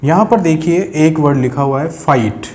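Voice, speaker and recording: A man's voice: on the high side, normal speed, darkish tone. A man teaching English phonetics, patiently repeating key sounds and addressing viewers as friends. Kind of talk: explaining a lesson at a board.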